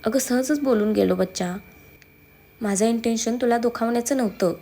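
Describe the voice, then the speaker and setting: A woman's voice: on the high side, normal speed, dark tone. A woman voicing a sulking, teasing young husband who speaks affectionately to his wife. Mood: tender. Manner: playful, affectionate, calls wife baby.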